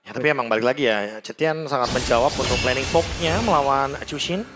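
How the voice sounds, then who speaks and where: A man's voice: medium pitch, fast. An Indonesian man giving conversational, explanatory commentary as an analyst on an esports match. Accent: Indonesian, colloquial. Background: music.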